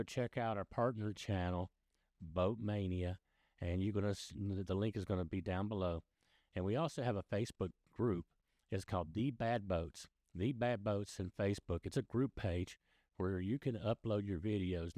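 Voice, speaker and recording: A man with a fairly low voice presents boating news in a close, dry recording. His delivery is casual and folksy, like chatting straight to his online viewers. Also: dark tone, no room sound. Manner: folksy, addresses viewers as guys. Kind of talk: casual video news commentary.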